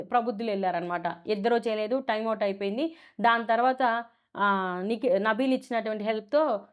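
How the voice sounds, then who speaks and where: Chatty woman recapping a reality show. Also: on the high side. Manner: chatty, animated retelling with many fillers and restarts. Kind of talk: casual commentary.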